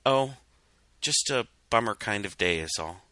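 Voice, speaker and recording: A man's voice: fairly low pitch, lively intonation, unhurried, sharp tone, no room sound. A man playing a melancholy, plain-spoken male pony who runs a doughnut shop, in a storybook reading. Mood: downcast, forcing cheer.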